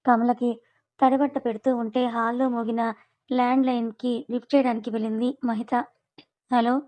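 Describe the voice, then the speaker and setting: A woman's voice: a little high, little pitch movement, a little fast, dark tone. A woman narrating a story and voicing its characters, with chatty, affectionate asides to the listener.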